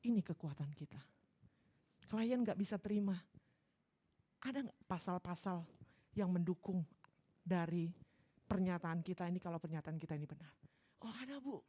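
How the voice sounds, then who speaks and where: A middle-aged woman preaching a sermon in a church service, acting out worried voices and swinging between loud outbursts and hushed lines. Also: fairly low pitch, lively intonation, normal speed, long pauses.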